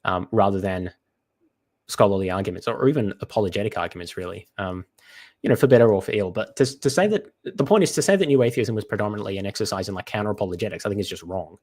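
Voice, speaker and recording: Man, lowish register, blocked-up nose, thinking aloud in hesitant, wandering commentary with frequent restarts. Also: a little mellow. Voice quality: stuffy nose from being sick. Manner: hesitant, halting, digressive with many restarts. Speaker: commentator reacting to apologetics content. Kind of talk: unscripted reaction commentary.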